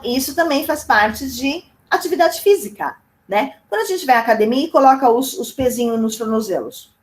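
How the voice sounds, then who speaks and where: A woman's voice: a little high, a little mellow, low-quality recording. A woman teacher, giving a chatty, playful online lecture and often checking in with her students. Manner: chatty, playful, frequent "né?" and "tá bom?" check-ins.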